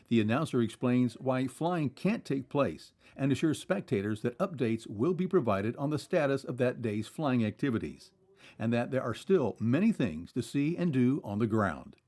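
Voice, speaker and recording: A man's voice: mid-range voice, darkish tone. A man reading scripted documentary narration in a polished, explanatory way.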